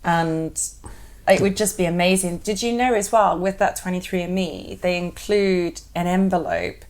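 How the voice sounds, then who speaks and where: A woman from Zimbabwe co-hosting a casual chat, talkative and quick to laugh. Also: on the low side. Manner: chatty, laughs often, speeds up when keen. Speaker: co-host.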